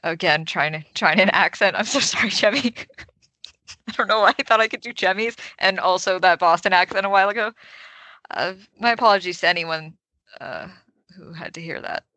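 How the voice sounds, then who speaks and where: Female podcast co-host, lowish bright voice, casual and chatty. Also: no echo. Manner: quick reactions, chatty, laughs at herself. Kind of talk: casual chat.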